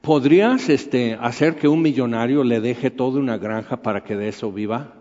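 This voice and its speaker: A man preaching a sermon in a rambling, conversational way, slowing down for emphasis. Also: mid-range voice, warm tone. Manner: conversational, rambling, with frequent filler words. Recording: dull lo-fi recording in a reverberant hall.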